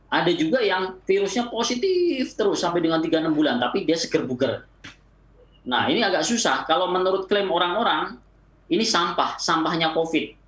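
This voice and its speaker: A man's voice: fairly high pitch, a bit bright. An Indonesian man, a doctor, explaining medical matters informally in answer to questions on a webinar. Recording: roomy, echoing webinar audio.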